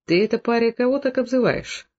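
A man voicing a surly young Cossack soldier who drags out his words with menacing calm. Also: on the high side, slightly rough, muffled recording, voice pushed down, heavily acted. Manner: slow, menacing drawl.

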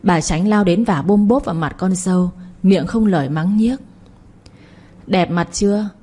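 A woman's voice: lowish voice, moderate pace, mellow, husky. A woman narrating a serialized story and voicing every character.

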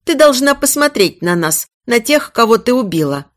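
A woman's voice: on the high side, sing-song, moderate pace, voice pushed up. A woman voicing a cruel dead mother who speaks in a cold, hissing way. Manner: hissing, icy.

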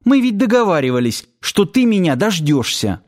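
A man's voice: very animated, moderate pace. A man voicing a frightened, tearful young woman who scolds her beloved. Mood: scolding. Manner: high, emotional, scolding and sobbing.

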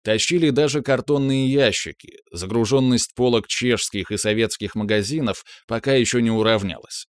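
A young man narrating an audiobook in a wry, measured way. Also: medium pitch, clear, resonant tone, dry recording. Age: young adult.

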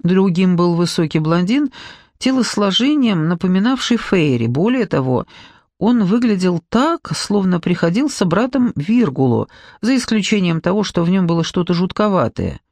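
A man narrating an adventure audiobook in a steady storytelling manner. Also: high-pitched, normal speed, dry recording. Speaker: audiobook reader. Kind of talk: scripted narration.

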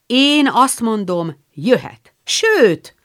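Egy nő egy félénk, de most lelkesen kiálló kamaszlányt szólaltat meg. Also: female voice, a little high, sing-song, a bit bright, pitched above the performer's own voice. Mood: eager. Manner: eager, emphatic. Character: shy teenage girl bursting with eager support.

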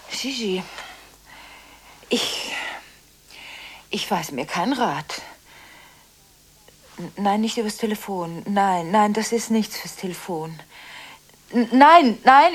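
An actress playing a scattered, jittery woman in a radio drama, stammering through phone calls and swinging between whispers and sudden loud bursts. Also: medium pitch, slightly rough. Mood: agitated.

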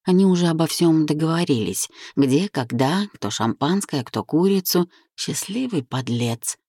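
Woman, audiobook narrator, low pitch, dry close recording, calm, measured. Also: no echo. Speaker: audiobook reader.

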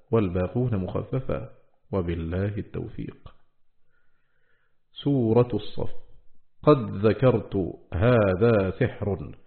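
A man reading a classical scholarly text aloud in a measured recitation, slowing down to spell out each quoted word. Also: fairly low pitch, phone-quality sound. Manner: slows to spell out quoted words.

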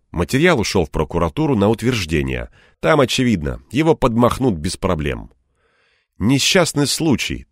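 A man narrating a first-person audiobook in a wry, lively storytelling manner. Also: fairly low pitch, no echo, clean studio sound.

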